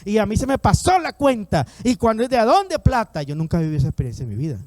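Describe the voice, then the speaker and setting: This Latin American pastor's voice is high, very animated, fast and mellow, recorded without echo. He preaches emphatically, repeating lines, having the congregation repeat after him and respond, and performing the voices of characters in his stories.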